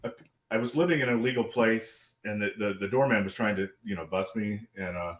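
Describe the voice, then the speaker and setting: An American man from the Midwest, a guest artist, tells casual stories in a live interview, rambling and swearing with stammered repeats. His voice is lowish, brisk, and a bit bright, and the room sounds echoey.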